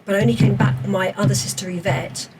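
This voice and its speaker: A woman in her fifties, raised in South Africa, chatting as a podcast guest and telling stories in an animated way. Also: mid-range voice, quick pace, recorded from a distance, over loud music. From England, raised in South Africa. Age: 50s. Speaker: podcast guest, former police officer. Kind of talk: casual interview chat.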